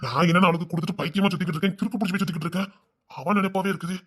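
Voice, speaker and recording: Brief: a man as a lovesick youth with a lilt, high voice, rapid patter, fretful and pleading. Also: steady tone, fairly bright tone, slightly rough. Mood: worried scheming. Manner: fretful rambling inner monologue, then pleading. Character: lovesick young village man, restless, scheming to elope. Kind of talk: audio love-story drama.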